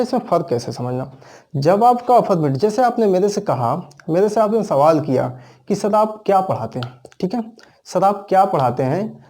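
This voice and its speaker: A man's voice: sits high, warm tone. A man with an Indian accent, an English teacher explaining grammar step by step and asking and answering his own questions. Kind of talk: classroom grammar lesson.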